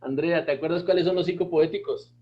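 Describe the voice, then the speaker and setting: A man's voice: on the high side, steady tone, fast, lo-fi sound, slight background noise. A man who is a pastor teaching an online Bible class, with a Colombian accent, praising students and chanting lists with them. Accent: Colombian Spanish. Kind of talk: online class, leading group recitation.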